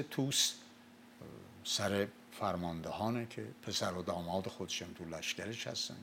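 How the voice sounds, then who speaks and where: An older man from Mazandaran, telling and explaining old epic tales in a relaxed talk. He recites lines of verse slowly and loudly, then goes back to plain speech. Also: deep voice, a little hiss or hum. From Mazandaran, Iran. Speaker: storyteller discussing the Shahnameh. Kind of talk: casual lecture-style talk.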